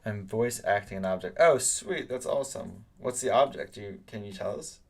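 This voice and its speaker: Low gravelly young guy rambling along while he draws, lots of likes and ums. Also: moderate pace. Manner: rambling, with many fillers, reads out chat comments. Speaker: art teacher hosting a live drawing stream. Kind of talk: casual live-stream chat while drawing.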